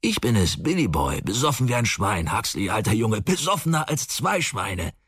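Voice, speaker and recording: A man in a radio drama voicing a rowdy drunk man who shouts through a door with slurred speech. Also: fairly low pitch, sing-song, moderate pace, husky, no echo, studio quality, pitched above the performer's own voice, heavily acted. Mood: drunken shouting.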